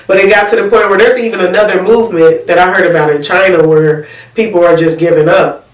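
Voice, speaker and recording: A man's voice: high voice, fairly even intonation, fast talker, recorded from a distance. A man co-hosting a podcast, talking in a casual, slangy and profane way and walking through statistics. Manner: loose, slangy and profane, explains with numbers. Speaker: podcast co-host. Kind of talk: casual chat. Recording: roomy sound, mic set back.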